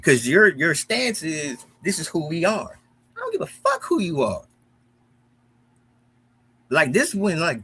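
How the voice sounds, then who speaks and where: Heated, profane American man, animated. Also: on the high side, husky. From United States. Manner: animated, profane, repeats himself when heated. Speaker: commentary host. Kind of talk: heated reaction commentary.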